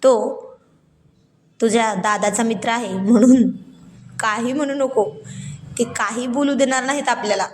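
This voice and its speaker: A woman's voice: a little high, a little slow, long pauses, darkish tone, a little hiss or hum, lightly acted. A woman voicing a bashful young wife in a spoken story. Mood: gentle. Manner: shy, coy.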